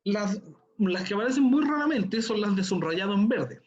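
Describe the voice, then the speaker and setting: A man's voice: high voice, expressive, moderate pace, slight background noise. A man, a teacher giving an online class tutorial and explaining each step patiently while checking in with his students. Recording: dull lo-fi computer audio.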